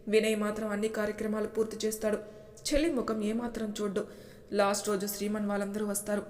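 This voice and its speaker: A woman storyteller narrating a family drama serial in a steady, even manner. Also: mid-range voice, quick pace. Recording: echoey room.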